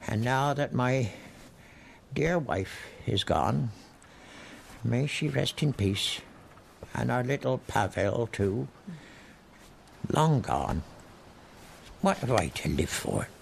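An actor playing a very old, lonely widowed cobbler who chuckles often, in a radio drama with music underneath. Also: male voice, mid-range voice, lively intonation, slow pace, gravelly, long pauses, a little hiss or hum, full character voice. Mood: wistful. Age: older.

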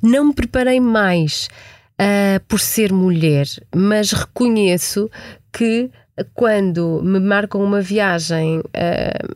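A woman's voice: mid-range voice, slow pace, darkish tone, no echo. Female exec guest, 40s, European Portuguese accent, reflective and hesitant, dry close sound. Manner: reflective, frequent restarts and hesitations. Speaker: podcast guest, executive. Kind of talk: conversational interview answers.

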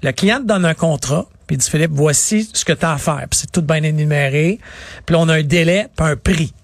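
A middle-aged man with a Quebec French accent talks in a lively, explanatory way, acting out his clients in quick quotes. His voice sits fairly high and sounds close and dry, with no room around it. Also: no echo. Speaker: IT consultant guest. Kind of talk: radio talk interview.

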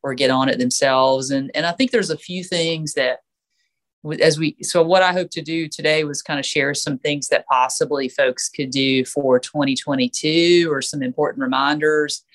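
A woman's voice: low-pitched, moderate pace. Woman, nasal, stuffy from allergies, podcast guest, explanatory tone. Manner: explanatory, frequent fillers and restarts. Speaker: certified financial planner guest.

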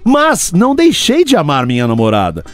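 A man co-hosting a radio show, talking casually in an animated, expressive way. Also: a little high, moderate pace, no room sound, faint music behind.

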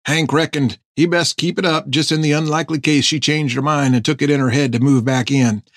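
A man voicing a gruff, folksy male ship's mate speaking in a rustic dialect. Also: on the high side, fairly even intonation, a little fast, a bit bright, no room sound, studio quality, pitched above the performer's own voice, close to an everyday voice. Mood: teasing.

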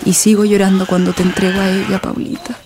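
A woman's voice: medium pitch, little pitch movement, fast talker, background noise, close to an everyday voice. An actress playing a desperate young mother on the run. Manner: breathless, urgent, grieving. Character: young mother fleeing with her baby, desperate. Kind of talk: audio drama narration in first person.

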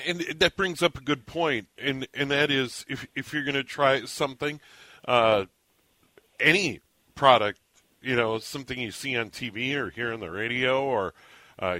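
A man hosts a radio call-in show from a studio, asking questions with frequent stammered restarts. His medium-pitched voice has a sharp tone, captured on a studio microphone with no echo.

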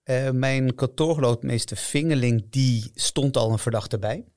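A man talking as a guest on a talk podcast, with a gravelly, creaky edge to his voice. He speaks in halting bursts and keeps restarting and repeating words as he gathers his thoughts. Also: mid-range voice, fairly even intonation, darkish tone. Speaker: criminal defense lawyer, podcast guest. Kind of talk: podcast interview.

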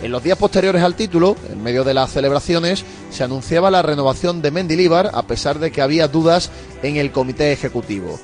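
Higher-voiced male sports documentary narrator. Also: expressive, fast. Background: music bed.

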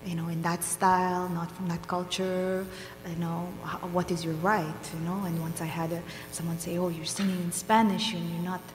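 A woman composer and singer on a discussion panel, speaking reflectively and haltingly as she searches for her words. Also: lowish voice, flat delivery, roomy sound, big-room sound, soft background music, low-quality recording.

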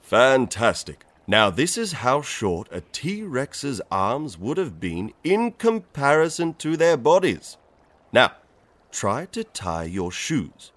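A man's voice: mid-range voice, big pitch swings, slow, a bit bright, no room sound, heavily acted. An actor playing a jolly, eccentric male science professor in a children's educational show, with theatrical, exclaiming delivery. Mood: jolly, instructive. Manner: exclaiming, theatrical, with a signature "ah, ah, ah" laugh.

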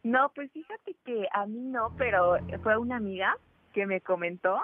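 A woman's voice: on the high side, expressive, normal speed. A woman calling in to a radio show to tell a complaint, hesitant and full of fillers. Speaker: caller. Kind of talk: phone-in complaint. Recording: tinny phone line with faint hiss.

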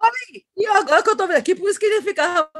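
A woman guest on a podcast, telling a funny story in an animated way and laughing as she talks. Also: extremely high pitch, very fast. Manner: animated comic storytelling, often says "my daughter". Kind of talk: casual podcast chat.

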